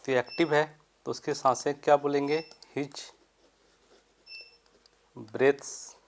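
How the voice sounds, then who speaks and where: A man teaching English grammar in Hindi, explaining step by step, asking questions and answering them himself, and reading the example sentences slowly and deliberately. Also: a little high, steady tone, a little hiss or hum.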